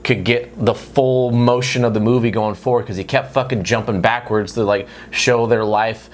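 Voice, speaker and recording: A man's voice: mid-range voice, steady tone, normal speed, slight background noise. A man giving a casual, chatty movie review as a co-host, speaking bluntly and informally with some swearing.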